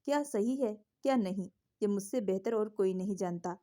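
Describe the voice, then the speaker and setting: A shy young woman speaks softly, half pleading and half coy, as a woman reads her in a storybook. Her voice is mellow and warm. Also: mid-range voice, moderate pace, natural voice. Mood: defiant. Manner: soft and pleading.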